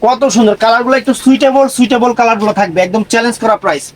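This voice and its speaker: A man giving a live online sales pitch in an emphatic, repetitive patter. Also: rapid-fire, poor audio. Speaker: online saree seller.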